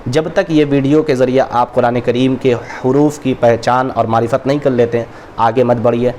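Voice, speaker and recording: A man's voice: mid-range voice, fairly even intonation, darkish tone, slight background noise. Patient male Quran reading teacher. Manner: slow drawn-out letter names between quick explanations. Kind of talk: recorded reading lesson.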